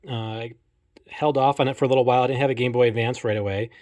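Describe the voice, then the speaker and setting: A man's voice: medium pitch, steady tone, fast, a little mellow. A man in his thirties chatting casually to camera while unboxing collectibles, full of fillers and self-deprecating jokes, filming on a handheld phone at home. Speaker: collector vlogger. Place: home game room. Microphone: phone camera held in one hand.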